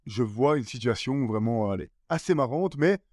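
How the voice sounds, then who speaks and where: A comedian, telling stories in a relaxed, slangy way with many fillers. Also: male voice, moderate pace, no echo, studio quality. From Belgium. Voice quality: deep voice. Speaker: comedian guest. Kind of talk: casual podcast chat, storytelling.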